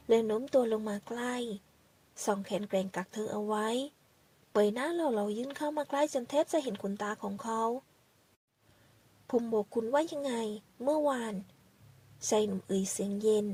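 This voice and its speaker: A woman narrating a romance audio novel in a steady, soft reading manner. Her voice is slightly high and breathy. It sounds a little distant from the microphone.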